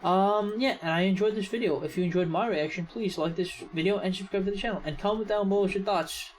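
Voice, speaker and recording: A young man with an American accent talks through a video in an easygoing, meandering way, often padding his thoughts with "I mean" and "yeah". His voice sits a little higher than most men's. A faint hiss of noise runs underneath. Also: quick pace, low-quality recording. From United States. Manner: relaxed, rambling, lots of "I mean" and "yeah". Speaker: reaction channel host. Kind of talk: casual video reaction commentary.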